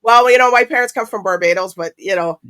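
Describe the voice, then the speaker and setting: A woman's voice: medium pitch, fast talker, fairly bright tone, no room sound. Chatty woman hosting a talk show. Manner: chatty, with frequent fillers and laughs. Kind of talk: casual interview hosting.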